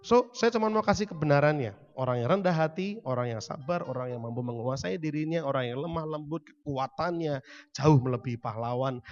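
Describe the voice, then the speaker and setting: Dramatic pastor lo-fi sound. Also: male voice, a little high. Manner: dramatic storytelling, swings from quiet to loud. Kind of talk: sermon.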